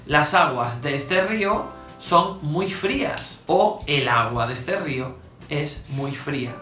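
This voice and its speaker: Bright-voiced teacher in an echoey room. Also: male voice, a little high, expressive. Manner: slow, stressed examples with frequent "¿vale?" checks. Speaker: Spanish teacher. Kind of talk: spoken grammar lesson. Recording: echoey room with faint music.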